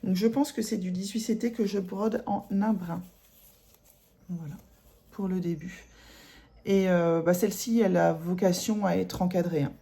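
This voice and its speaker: A woman's voice: fairly low pitch, fairly even intonation, moderate pace, vocal fry, dark tone. A middle-aged woman from France chatting casually at home about her cross-stitch projects, rambling with many fillers and self-corrections. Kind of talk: casual chat showing embroidery.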